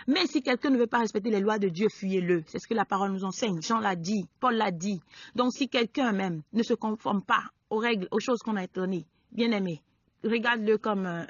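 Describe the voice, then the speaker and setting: A woman preaches a sermon, exhorting her listeners as she swings between loud, emphatic peaks and low, quiet asides. The recording is dull, lo-fi and dry, with no room sound.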